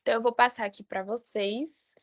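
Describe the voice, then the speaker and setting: A woman with a Brazilian Portuguese accent teaching a live online sign language class, explaining patiently and tagging her points with "né?" and quick self-corrections. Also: fairly high pitch, steady tone. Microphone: video call. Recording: dull lo-fi video call audio.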